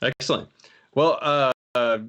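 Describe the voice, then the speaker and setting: A man's voice: mid-range voice, takes it slowly, fairly bright tone, a little hiss or hum. A man hosting a casual tech talk show, rambling and often correcting himself as he chats. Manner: rambling, self-correcting, laughs easily. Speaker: show host.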